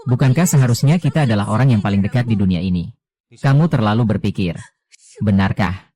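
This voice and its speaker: A man reading the dialogue of a dubbed drama, voicing every role in one even, low-key delivery. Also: fairly quick, no echo. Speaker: voice-over reader of a drama.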